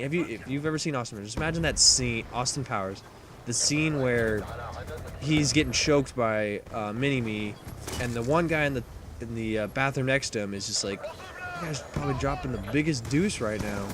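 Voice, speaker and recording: A man narrates a mishap as casual gameplay commentary. His pitch sits in the ordinary middle range, and he stumbles through restarts and constant fillers, with swearing mixed in. A steady layer of background noise runs clearly under his voice. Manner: rambling, filler-heavy, profane. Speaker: gaming commentator. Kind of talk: casual storytelling over gameplay. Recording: noisy commentary recording.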